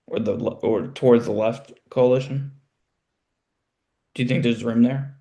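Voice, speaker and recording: A man's voice: mid-range voice, fairly even intonation, unhurried, gravelly, dark tone. A young man hosting a casual political podcast, thinking aloud and putting questions to his co-hosts. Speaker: podcast host.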